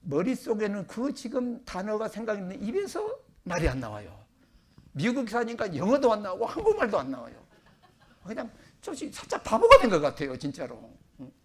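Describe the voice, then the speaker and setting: A middle-aged man from Korea, a pastor giving a chatty sermon, joking about himself and then pressing his points with loud bursts. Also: high-pitched, huge pitch swings, brisk, slightly rough. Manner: chatty, self-joking preacher with sudden loud emphasis. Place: church sanctuary.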